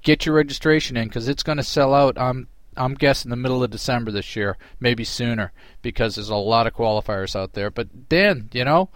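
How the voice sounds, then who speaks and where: A man's voice: mid-range voice, fairly quick, no room sound, clean studio sound. A man hosting a podcast, chatting and giving advice to a listener in a joking way. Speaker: podcast host. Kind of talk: casual listener-mail chat.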